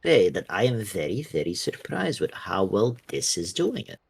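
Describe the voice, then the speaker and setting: A man's voice: low voice, big pitch swings, normal speed, gravelly, crowd noise. A man playing a driving game with a friend, chatting casually and throwing in dry jokes. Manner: joking, dry quips. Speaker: co-player. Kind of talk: casual gameplay chat.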